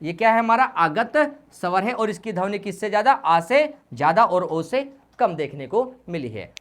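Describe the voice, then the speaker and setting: A woman's voice: medium pitch, expressive, normal speed. A woman teaching Hindi grammar, repeating key points and asking questions that she answers herself. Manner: repetitive, asks questions then answers them. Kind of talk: classroom lesson explanation.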